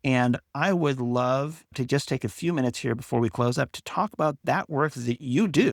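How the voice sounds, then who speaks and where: A man hosting a podcast, leading into a question thoughtfully and gently. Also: mid-range voice, normal speed, gravelly, no room sound, studio quality. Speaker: podcast host. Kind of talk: conversational interview.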